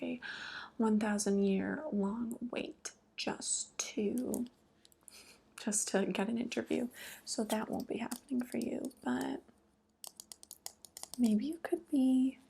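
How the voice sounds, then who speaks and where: A woman voicing a flirty, teasing female devil in a soft, breathy ASMR role-play, with a casual, coy manner. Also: on the high side, exaggerated voice.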